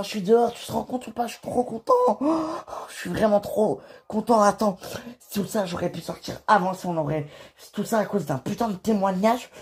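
A man voicing an excitable male prisoner in an amateur toy-figure drama, blurting and swearing. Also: high-pitched, breathy edge.

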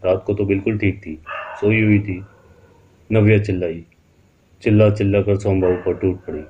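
A man with a very low, deep voice narrates a horror story in a slow, dramatic way. The recording sounds dull and lo-fi. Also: little pitch movement, slight background noise.

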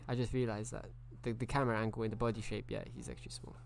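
A man's voice: lowish voice, flat delivery, racing, creaky, a little hiss or hum. A man streaming a video game live, chatting casually and greeting viewers by name.

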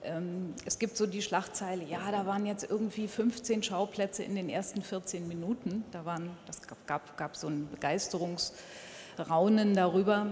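Measured older woman in a reverberant hall. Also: on the low side, a little mellow, slight background noise. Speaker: panel guest, TV editor. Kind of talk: panel discussion. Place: stage at a media convention. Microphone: handheld mic. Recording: long hall reverb, faint ambience.

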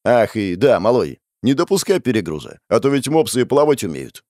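A man's voice: mid-range voice, big pitch swings, a little fast, darkish tone, dry recording, lightly acted. A man voicing a mocking, laid-back horseman of death in an audiobook. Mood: smug. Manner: smug, offhand.

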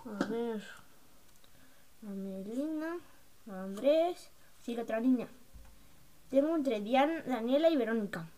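A young girl with a high voice chats casually to her camera. She rambles and teases, and she switches into quick impressions of her classmates' lines. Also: lively intonation, dark tone, a little hiss or hum. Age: young, school-age. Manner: chatty, mocking, acts out classmates' lines. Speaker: vlogger.

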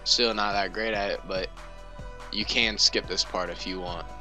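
A man's voice: low-pitched, fairly even intonation, normal speed, pushed and bright, faint music behind. A young man giving casual let's play commentary on a video game. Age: young adult. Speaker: gaming video host.

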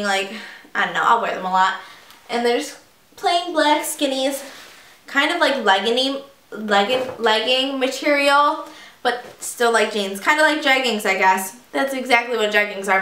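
A woman's voice: on the high side, sharp tone, reverberant, a little hiss or hum. A young woman in her teens chatting casually in a haul video, bubbly and self-teasing. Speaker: vlogger.

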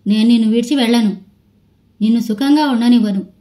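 A woman narrator voicing a quarrelsome, spiteful wife who shouts bitterly at her husband. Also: a little high, brisk, natural voice. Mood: bitter, shouting.

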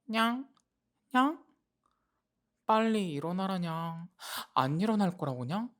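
A woman's voice: mid-range voice, lively intonation, slow pace, fairly bright tone. A woman voicing a cute, bossy little cat mascot for an alarm ringtone. She tacks a meow onto every phrase. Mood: coaxing.

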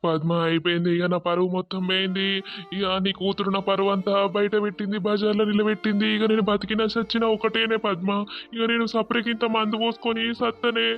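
A man voicing a middle-aged village father, loudly scolding and wailing in despair. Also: high voice, completely flat delivery, a little fast, dull audio, soft background music.

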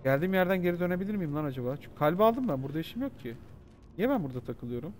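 A man's voice: fairly high pitch, rapid-fire, a little hiss or hum. A man streaming a horror game live, joking, swearing and chatting with his viewers as he plays. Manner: excitable, joking, swears freely, talks to chat. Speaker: gaming streamer. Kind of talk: live gameplay commentary.

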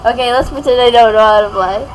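A woman's voice: fairly high pitch, steady tone, fast talker, a little hiss or hum, rough recording. A young woman hosting a gaming channel, giving casual, playful gameplay commentary and laughing often.

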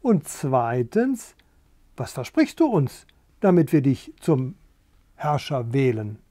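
A man voicing the oldest hen of the farm, shrewd and bossy, speaking in a deliberate, challenging way. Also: medium pitch, big pitch swings, mellow, no room sound, clean studio sound.

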